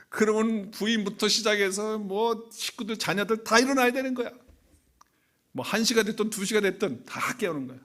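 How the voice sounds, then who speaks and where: A male pastor delivers a Sunday sermon in a relaxed, conversational manner. His voice sits a little high, and he tells stories and chuckles along the way. He talks from the pulpit of a church. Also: moderate pace. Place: church sanctuary.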